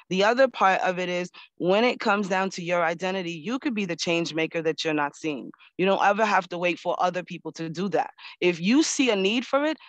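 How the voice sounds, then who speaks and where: A woman's voice: fairly low pitch, dry recording. A woman guest speaker giving firm, assured advice on a video call. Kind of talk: advice and encouragement on a group call.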